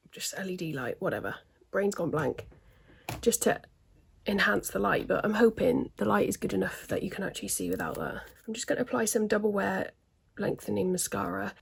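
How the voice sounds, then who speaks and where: Sitting at her desk at home in daylight, a woman talks through her makeup in a relaxed get-ready-with-me video, often joking at her own expense and dropping into half-whispered asides. This beauty vlogger's mid-range voice is slightly rough with vocal fry, and her laugh is a little smoky.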